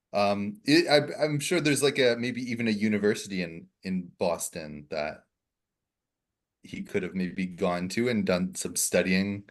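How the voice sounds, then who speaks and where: A man's voice: fairly low pitch, a little slow. A man talking as a player in a tabletop horror game, mixing in-character talk with easy chatter.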